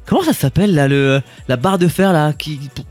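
A man's voice: on the high side, moderate pace, darkish tone, soft background music. A man co-hosts a morning radio show in a studio, telling rambling stories and cracking jokes. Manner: rambling, joking storyteller. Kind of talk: casual radio banter. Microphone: studio microphone.

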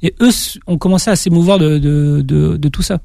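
A fairly quick, high-leaning male voice, creaky and dark in tone, captured in studio quality without room sound. The speaker is a young author from France with a subtle Auvergne accent, answering an interviewer hesitantly and restarting often.

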